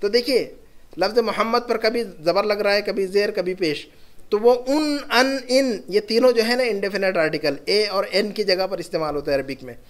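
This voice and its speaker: A man's voice: high voice, normal speed. A man teaching an Arabic grammar lesson, patiently repeating example words and sentences.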